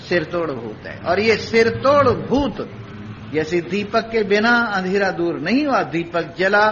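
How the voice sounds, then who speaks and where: High-voiced, bright swami giving a discourse. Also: male voice. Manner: storytelling with voiced dialogue and repeated phrases. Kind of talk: spiritual discourse with storytelling. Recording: dull lo-fi recording with faint hiss.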